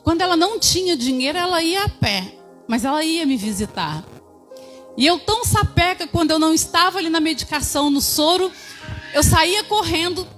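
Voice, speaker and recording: A woman's voice: very high voice, a bit bright. A woman in her fifties giving a church testimony, telling her story and addressing the congregation as brothers.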